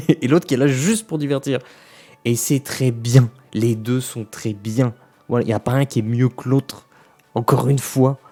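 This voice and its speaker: A man talks his viewers through an anime ranking in a loose, rambling way, full of fillers and restarts. His voice is mellow and dark. Faint music sits quietly under the talk. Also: medium pitch. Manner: addresses viewers directly. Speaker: anime reviewer. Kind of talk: casual spoken review.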